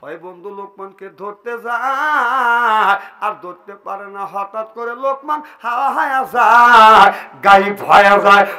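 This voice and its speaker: Man, Bangladeshi Bengali accent, preacher, chanted sermon, sung passages, calls to the crowd, slow delivery, high voice. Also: pushed and bright, faint music behind. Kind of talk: sermon storytelling, sung in parts. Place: religious gathering.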